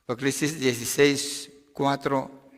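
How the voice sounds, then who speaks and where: A man preaching a sermon, emphatic, rising loud for quotations and dropping low to explain. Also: fairly even intonation, measured pace, big-room sound. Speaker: pastor.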